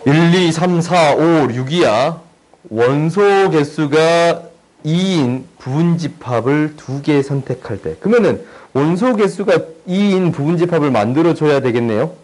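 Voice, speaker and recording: Young male tutor, husky voice, chatty and teasing, casual math lesson. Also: a little high, expressive, measured pace, darkish tone, rough recording. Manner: chatty, teasing, asks students for agreement.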